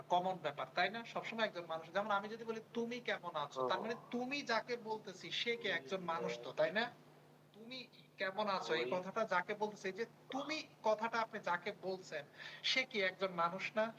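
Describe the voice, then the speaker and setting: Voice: mid-range voice, sharp tone, slight background noise, low-quality recording. Patient teacher drilling pronunciation. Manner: repeats words and prompts students to say them back. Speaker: language teacher. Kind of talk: online language lesson.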